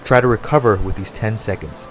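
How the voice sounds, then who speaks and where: A man's voice: fairly low pitch, fairly quick. A man working as a boxing coach, calling out combinations and timing cues in short, motivational commands. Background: music.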